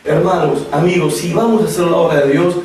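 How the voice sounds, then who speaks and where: A man's voice: a little high, steady tone, fairly quick, darkish tone, distant mic, a little hiss or hum. A man preaching a Bible teaching to viewers on camera, speaking emphatically and repeating phrases for stress. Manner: emphatic, repetitive preaching with rhetorical questions. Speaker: pastor teaching a Bible course. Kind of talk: sermon teaching to a camera audience. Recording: echoey room, voice from off the mic, faint ambience.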